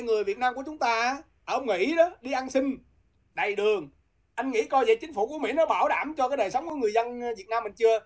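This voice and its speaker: Fast, combative woman. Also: on the high side. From Vietnam. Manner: combative, challenging, repetitive. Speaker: guest. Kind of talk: heated political talk.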